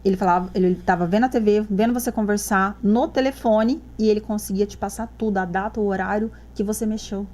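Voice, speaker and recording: A woman's voice: mid-range voice, fairly even intonation, fast, hardly any pauses, a little mellow. A woman, a mother guest on a podcast, telling her story in casual chat and acting out the dialogue she quotes.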